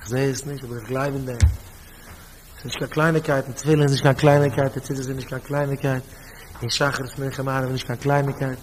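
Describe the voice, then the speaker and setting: Emphatic Yiddish-accented rabbi preaching. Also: male voice, medium pitch, little pitch movement, fairly quick, background noise. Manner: storytelling, repeats phrases, rises to emphatic bursts. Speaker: rabbi giving a talk.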